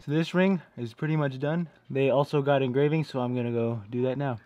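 A man's voice: mid-range voice, a little fast, lo-fi sound, music in the background. Casual young man vlogging to camera. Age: young adult. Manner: relaxed, talks straight to camera with frequent "like" fillers. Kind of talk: casual vlog narration. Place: home workshop, garage and parked car.

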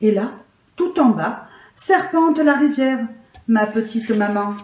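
A woman's voice: on the high side, expressive, takes it slowly, darkish tone. A woman voicing a curious little female water droplet in a storybook tale, wondering and exclaiming. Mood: proud. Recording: roomy echo.

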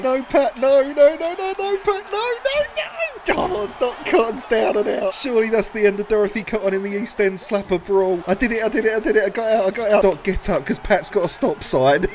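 A British man in his thirties commentates on a wrestling game like a booming ring announcer. He is excited, jokey and crude, speaking close to the mic in a small room with clear game noise behind him. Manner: jokey and crude, with frequent laughter and shouts. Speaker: video game streamer and commentator. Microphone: desk microphone close up.

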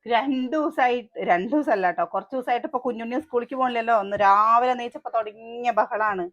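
A mother with a Malayali accent vlogs casually from her home kitchen, chatting to the camera as she cooks breakfast and calls out to her children. Her voice is a little high and a bit bright, her pace quick, and the sound lo-fi.

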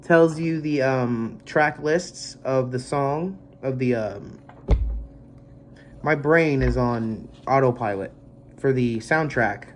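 His medium-pitched voice takes things slowly as this young man in his twenties, stuffy with allergies, rambles through a movie unboxing. The easygoing, filler-heavy collector vlogger records in a small bedroom on a close webcam mic, with slight background noise.

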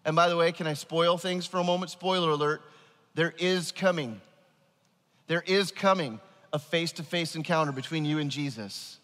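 A man's voice: on the high side, moderate pace, a bit bright. A man in his thirties preaching an emphatic sermon from a large church stage on a headset mic. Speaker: pastor. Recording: long reverb of a large hall.

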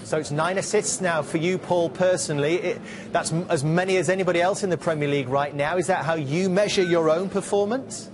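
A man working as a pitchside reporter, briskly asking long, detailed post-match questions. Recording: noisy background.

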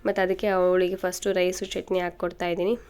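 A woman's voice: on the low side, flat delivery, quick pace, a little mellow, clean tone. A woman in her thirties, a vlogger chatting casually to viewers while her voice is changed by a cold. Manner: chatty, talks to viewers directly. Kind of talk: casual home vlog narration.

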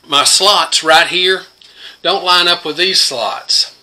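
In his home workshop, an older homesteader and host shows off his tools in a plain-spoken, rambling demonstration packed with fillers. His voice is high, slow, pushed and bright, and the poor audio comes from a phone camera close to the workbench.

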